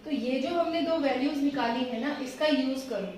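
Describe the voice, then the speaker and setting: A woman math teacher explaining solutions step by step, patient and reassuring, slowing down as she writes. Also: sits high, a little mellow, a little hiss or hum. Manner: patient, reassuring, slows down while writing. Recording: echoey room, voice from a distance.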